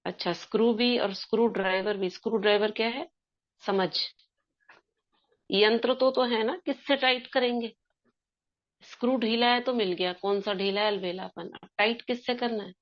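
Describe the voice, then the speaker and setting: A woman's voice: on the high side, fairly even intonation, moderate pace, highs cut off. A woman explaining a spiritual text to a class in a conversational way, quizzing her listeners.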